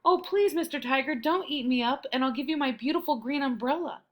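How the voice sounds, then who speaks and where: A woman's voice: a little fast, lightly acted. A woman voicing a small, clever, frightened boy in a children's storybook. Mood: pleading. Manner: high pleading storybook voice.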